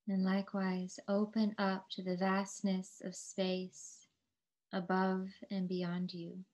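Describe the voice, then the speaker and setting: A woman with a mid-range voice guides listeners through relaxation as a yoga teacher, keeping a measured, calm and soothing pace and pausing at length between phrases.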